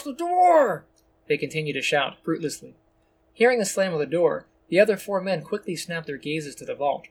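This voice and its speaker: A man giving measured, descriptive scripted narration of a story. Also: a little high, a little hiss or hum.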